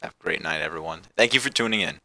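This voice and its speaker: A man's voice: deep voice, animated, racing, pushed and bright, no echo. A man hosting a casual podcast, rambling loosely through his thoughts and turning upbeat when he plugs the show. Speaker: podcast host. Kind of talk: casual chat.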